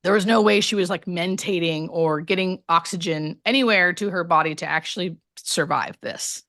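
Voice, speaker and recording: A woman's voice: on the low side, moderate pace, a bit bright. A woman talking casually and candidly as a hospice nurse being interviewed, telling personal stories in a rambling way with emphatic asides.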